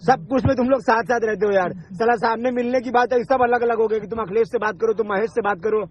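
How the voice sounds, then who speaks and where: His extremely high, slightly rough voice keeps a steady tone at a quick pace while he quarrels over the phone, confrontational and insistent, swearing and repeating himself. This online video maker is heard on a dull lo-fi phone call recording.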